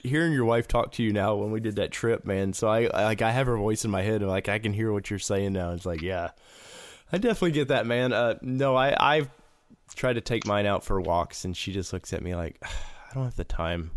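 A man's voice: lowish voice, expressive, fairly quick, no echo. A man hosting a casual podcast, rambling with lots of fillers. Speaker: podcast host. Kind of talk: casual chat.

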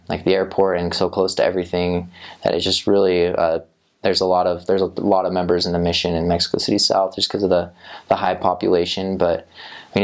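A young man with a deep, gravelly voice answers interview questions about his time as a missionary, recalling it casually and rambling with many fillers and restarts. He wears a lapel mic in a small indoor studio set.

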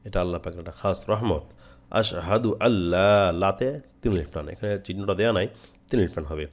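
A man from Bangladesh teaching Quran recitation step by step, explaining each phrase plainly. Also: low voice. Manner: models phrases with long drawn-out chanting, then explains plainly.

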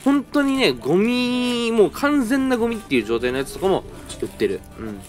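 A man's voice: high-pitched, big pitch swings, normal speed, darkish tone, faint music behind. A young man narrating a casual vlog while browsing a flea market, chatty and rambling, often correcting himself mid-sentence. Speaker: toy-hunting vlogger. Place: indoor parking garage flea market.

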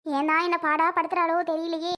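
Woman playing a high-voiced nagging old mother. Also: little pitch movement, fairly quick, sharp tone. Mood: scolding. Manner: pleading, scolding, lamenting to god. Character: fretful old mother, nagging her daughter. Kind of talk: family skit acting.

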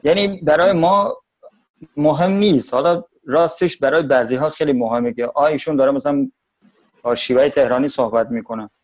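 A man's voice: fairly high pitch, a little mellow. Tajik-accented man in a lo-fi interview. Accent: Tajik Persian.

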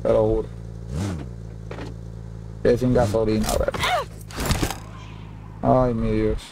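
A young man giving casual gameplay commentary in slangy, jokey talk that breaks into shrill pleading. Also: level tone, takes it slowly, vocal fry, noisy background. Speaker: gamer streamer.

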